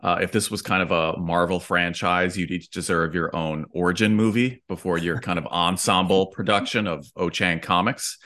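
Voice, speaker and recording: A man's voice: deep voice, fairly bright tone. A man hosting an interview, asking questions in a dry, wry way with filler words. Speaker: host.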